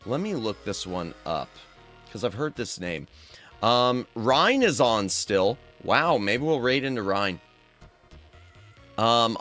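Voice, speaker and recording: This streamer has a fairly low, fairly bright voice. He rambles playfully and casually through his livestream, humming to himself, sounding worn out and straining his throat.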